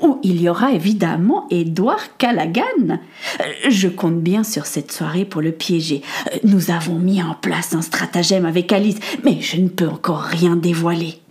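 Showy high-pitched aristocrat for an audiobook, voiced by a woman narrator, grand and playful. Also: normal speed, close to an everyday voice. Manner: high, bright and sing-song, showy. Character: grand, scheming aristocratic lady, lively and theatrical.

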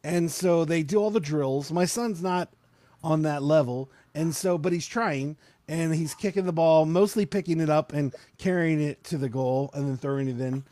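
A man with a slightly high, dark, scratchy voice hosts a podcast-style live-stream chat at normal speed. Chatty and quick to laugh, he packs in plenty of fillers; the recording is dry.

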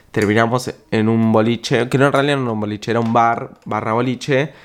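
A young man with an Argentine accent tells a travel story as a podcast host, chatty and slangy, swearing and filling gaps with small words. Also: fairly low pitch. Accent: Argentine Spanish. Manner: chatty, slangy and profane, with lots of filler words. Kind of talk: casual storytelling monologue.

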